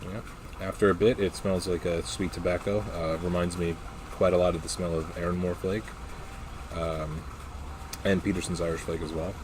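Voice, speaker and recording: A man with a low voice talks through a casual review. His delivery is unscripted and matter-of-fact, often halting as he looks for the next word. There is clear noise behind his voice throughout. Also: level tone. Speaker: pipe tobacco reviewer.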